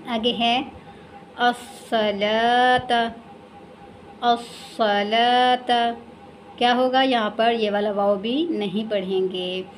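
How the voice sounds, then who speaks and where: A woman with an Urdu accent teaching Quran recitation in a lesson, explaining patiently and repeating each word slowly and drawn out. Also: mid-range voice, fairly even intonation, a little hiss or hum. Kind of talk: slow step-by-step recitation lesson.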